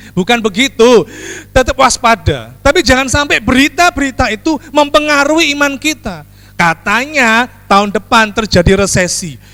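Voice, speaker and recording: A pastor preaching a lively, joking sermon, acting out small scenes and calling for amens. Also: male voice, sits high. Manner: lively, joking, acts out little scenes, asks congregation for amen. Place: church sanctuary. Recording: long hall reverb.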